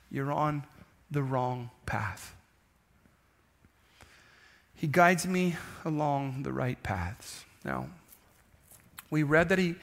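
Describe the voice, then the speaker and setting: A man's voice: fairly high pitch, creaky, fairly bright tone. A man preaching a conversational sermon as a pastor, emphatic and repeating phrases for effect.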